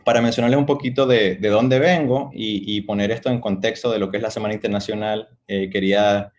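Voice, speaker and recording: A middle-aged man from Chile, a doctor giving an online medical lecture in a measured, explanatory way with frequent hesitations. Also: on the low side, steady tone. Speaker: doctor, endocrinologist.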